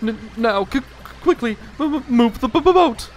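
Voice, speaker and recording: Guy doing a boastful game merchant adventurer, high voice, pompous and dramatic, all over the place. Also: big pitch swings, brisk, a bit bright, soft background music. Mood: panicked. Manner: pompous, theatrical, grandiose. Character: vain, boastful, dramatic merchant adventurer, panicking when scared.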